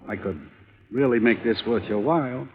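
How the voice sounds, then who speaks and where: In the style of a 1950s radio drama, an actor plays a rich, pushy, middle-aged murder suspect who keeps offering money. His natural male voice, at normal speed, sounds pleading, low and bargaining. The recording is old, lo-fi and phone-like, like a broadcast.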